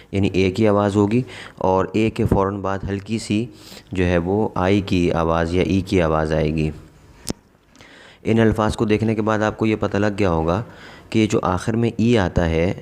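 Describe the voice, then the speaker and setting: Man, very deep voice, patient teacher, repeats words slowly. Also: a little mellow, clear, resonant tone. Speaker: English teacher. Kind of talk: explaining lesson.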